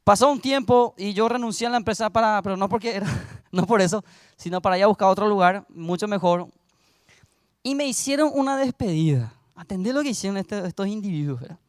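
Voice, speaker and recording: A young man preaches a sermon in a very high voice. He moves from storytelling to forceful, rising exhortation. The sound is close and dry. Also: expressive, brisk, dry recording. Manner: storytelling, builds to loud exhortation.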